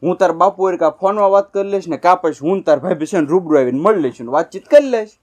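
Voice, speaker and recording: A man's voice: high-pitched, fast talker, a little mellow, natural voice. An actor playing a caring elder brother who reassures and coaxes his sister in a village drama. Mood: reassuring. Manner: reassuring, coaxing.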